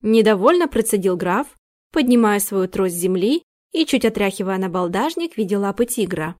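A woman narrating an audiobook in a steady, expressive manner. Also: mid-range voice, moderate pace, no room sound, studio quality.

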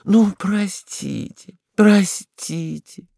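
A man's voice: high voice, drawn-out words, vocal fry, mellow, no room sound, clean studio sound, voice pushed up, exaggerated voice. A man voicing a cheeky, sly female stray dog in a storybook reading, coy and ingratiating.

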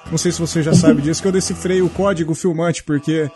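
A man's voice: on the high side, steady tone, fast, over music. A man hosting a podcast with casual, joking banter. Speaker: podcast host.

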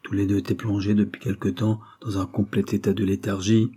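Male audiobook narrator: low, dark, husky, steady. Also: brisk. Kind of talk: scripted narration of a novel.

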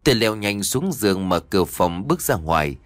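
A man narrating an audio story in an expressive storytelling manner. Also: fairly low pitch, brisk, dry recording. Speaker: audiobook reader.

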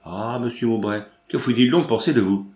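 Bold, quick-witted young woman, read by a man. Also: mid-range voice, a little mellow, roomy sound, close to an everyday voice. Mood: eager. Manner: eager, pressing questions. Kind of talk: audiobook dialogue reading.

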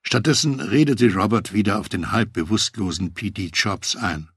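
A man narrating a memoir audiobook in a steady, matter-of-fact first-person voice on a close mic. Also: fairly low pitch, moderate pace, breathy edge, no echo.

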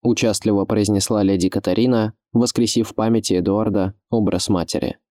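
A man narrating an audiobook in a measured, expressive literary reading. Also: on the low side, dry recording, studio quality.

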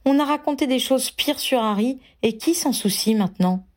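Woman reading young woman, soothing, downplaying, higher, brisk. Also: lively intonation, darkish tone. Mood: reassuring.

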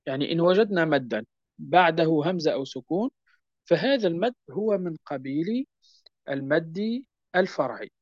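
A man teaching a lesson on Quran recitation rules, patiently repeating key points and slowing down to recite verse examples. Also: fairly high pitch, lively intonation, dry recording, dull audio. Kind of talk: explanatory lesson on tajweed.

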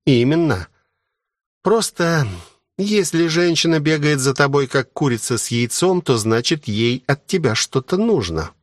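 A man's voice: on the high side, lively intonation, unhurried, no room sound, studio quality, voice pushed up. A man doing a blunt, scolding older sister. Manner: brusque, scolding.

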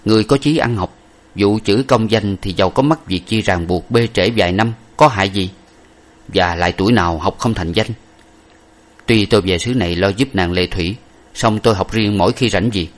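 A man's voice: on the low side, normal speed, lightly acted. Man voicing a solemn young masked hero.

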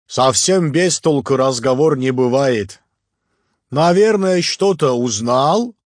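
A male narrator voicing a big, cheerful, good-natured boat skipper who talks slowly and tags phrases with a questioning "da?". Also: mid-range voice, expressive, no room sound, pitched above the performer's own voice. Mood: calm. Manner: slow, drawn-out, ends phrases with a questioning "da?". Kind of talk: audiobook character voice.

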